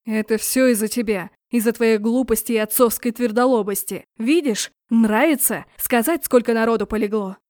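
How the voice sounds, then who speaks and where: A woman reads the part of a stern young prince in a storybook, weary and curt. His clipped phrases come in a fairly high, close, dry voice. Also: fairly even intonation, moderate pace, darkish tone, dry recording, lightly acted. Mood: bitter.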